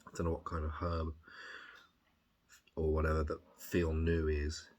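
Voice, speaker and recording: A man with a Birmingham accent talking casually and reflectively in a video diary, husky, rambling and hesitant as he thinks things through. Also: very deep voice, completely flat delivery, measured pace, a little mellow, slight background noise. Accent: Birmingham English. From Birmingham, England. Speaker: video diarist. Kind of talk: casual reflective chat, recounting.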